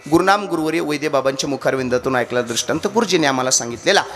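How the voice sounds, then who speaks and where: A man preaching a devotional kirtan sermon, telling a comic story, chanting and acting out the characters in lively fashion. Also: fairly high pitch, very fast.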